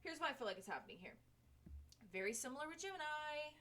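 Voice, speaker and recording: A woman's voice: high-pitched, sing-song, quick pace, fairly bright tone, a little hiss or hum. A woman giving a casual tarot reading, speaking frankly to the viewer and swearing freely. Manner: chatty, talks to viewer directly. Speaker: tarot reader.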